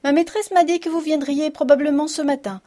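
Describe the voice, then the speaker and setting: A woman's voice: sits high, steady tone, a little fast, mellow, voice pushed up, lightly acted. A woman voicing a sardonic elderly female servant in an audiobook. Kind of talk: audiobook reading.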